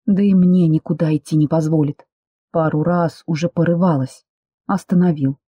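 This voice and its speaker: A woman narrating a first-person novel as an audiobook, with steady, expressive storytelling. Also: low-pitched, moderate pace, slightly rough, no room sound, dull audio.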